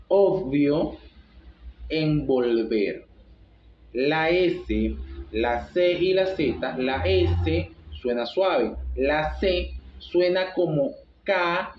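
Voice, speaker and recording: Slow, halting man reading a lesson. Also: a little high, a little hiss or hum. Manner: reads from notes with halting restarts. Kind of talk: reading a school lesson aloud. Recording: echoey room, dull lo-fi sound.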